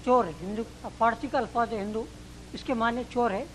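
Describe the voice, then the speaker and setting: A man's voice: very high voice, fairly even intonation, brisk, slight background noise, rough recording. A man from Hyderabad with a Hyderabadi accent, an audience member asking a long, rambling question. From Hyderabad, India.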